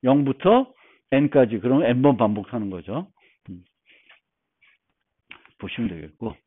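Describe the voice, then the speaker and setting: A man's voice: medium pitch, lively intonation, takes it slowly, breathy edge. A male university lecturer giving a recorded programming lecture, explaining step by step with fillers and restarts. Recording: narrow phone-like audio.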